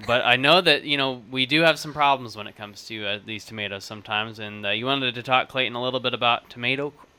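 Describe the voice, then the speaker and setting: A man's voice: mid-range voice, fast, bright, forceful tone, smooth. A man hosting a morning radio farm program, folksy and joking, with many fillers. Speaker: radio host. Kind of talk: casual radio chat.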